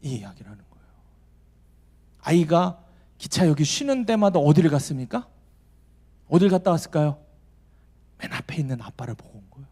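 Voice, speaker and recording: A man's voice: on the high side, very animated, fairly quick, pauses often, warm tone. A male pastor preaching a sermon, telling stories and acting out the voices in them. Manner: storytelling, acting out the voices in his anecdotes. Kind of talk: sermon to a young adults' service.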